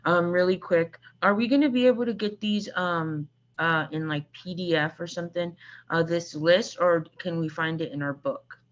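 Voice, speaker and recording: A woman's voice: fairly low pitch, moderate pace, highs cut off. Hesitant woman asking over a video call. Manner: hesitant, apologetic, full of fillers. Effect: heard over a video call. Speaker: course participant.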